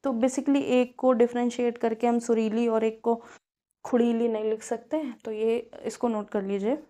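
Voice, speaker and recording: Woman teacher, Kanpur Hindi accent, fairly high voice, explaining a physics lesson, repeats key words, fills pauses. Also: fairly even intonation, mellow. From India.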